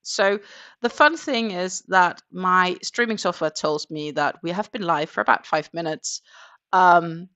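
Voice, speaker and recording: A Danish-born woman hosts a casual morning crochet livestream in English, rambling along with lots of fillers. Her voice is on the low side, bright and forceful, and she speaks unhurriedly.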